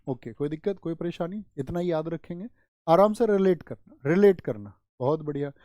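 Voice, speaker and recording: A male coaching teacher tells playful memory stories and keeps asking his students questions as he goes. His voice sits a little high but sounds mellow and dark. The recording is close and dry, with almost no room sound. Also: moderate pace, no room sound. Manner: animated storytelling mnemonics, addresses students directly. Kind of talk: online exam-prep class.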